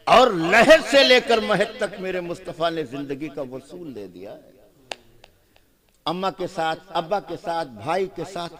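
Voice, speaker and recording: A man preaching a sermon at a gathering, quizzing the crowd and swinging from loud to soft. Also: sits high. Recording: live gathering with audience.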